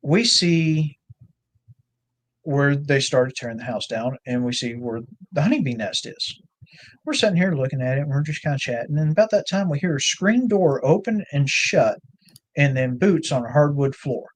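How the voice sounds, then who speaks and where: A man's voice: on the high side, lively intonation, normal speed. A man telling a rambling, folksy story in casual chat, full of fillers. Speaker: ranch owner and guest.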